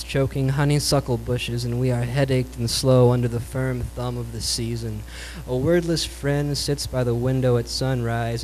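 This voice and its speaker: Even-toned man reciting cool beatnik poetry. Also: medium pitch. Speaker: poet performing own poems. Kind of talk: live poetry recital in Beat style. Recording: noisy live recording with hum.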